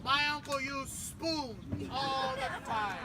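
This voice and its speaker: Speaking slowly in a high voice, a woman conducts an outdoor family memorial by the beach, first teasing the crowd with quiz-style games and then leading a prayer. Traffic noise is plainly heard in the open-air recording.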